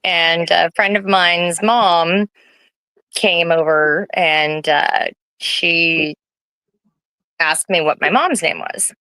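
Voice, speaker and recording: Nervous woman in her late 20s, gravelly bright voice, keeps stopping and restarting, dry sound. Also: fairly low pitch, steady tone, dry recording, low-quality recording. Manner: hesitant, halting, with many restarts. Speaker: interview guest. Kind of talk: personal interview.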